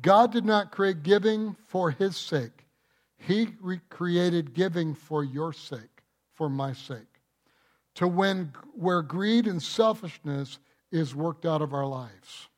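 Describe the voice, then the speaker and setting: Male pastor, slightly high voice, unhurried delivery, emphatic sermon with rhetorical questions. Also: darkish tone. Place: church.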